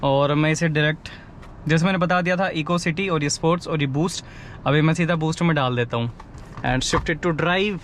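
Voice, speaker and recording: Chatty car-reviewing man, higher voice. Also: a bit bright, a little hiss or hum. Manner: chatty, explains features quickly to viewers. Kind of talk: casual walkaround and driving review. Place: inside a car.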